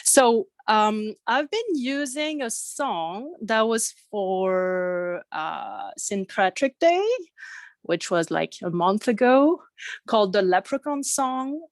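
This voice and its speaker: A woman music teacher presenting on a video call, talking in a halting way with many fillers and restarts. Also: medium pitch, animated, dry recording. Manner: halting, many fillers and restarts, sings snatches of a children's song.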